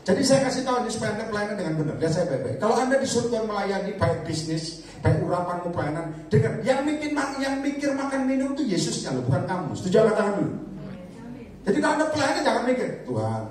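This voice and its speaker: High-voiced preacher in an echoey hall. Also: male voice, racing, hardly any pauses. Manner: animated, jokes and asks the crowd to raise hands; acts out voices of disciples and believers. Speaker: evangelist preacher. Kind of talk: lively sermon. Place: church or prayer meeting hall. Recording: echoey hall, recorded from far off.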